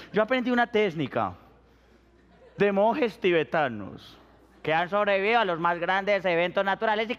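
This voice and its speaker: High-voiced Paisa man doing comedy. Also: long reverb tail, dull audio. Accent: Colombian Paisa. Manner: animated, playful, slips into silly voices and laughs. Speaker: comedy show host. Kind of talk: stand-up comedy monologue.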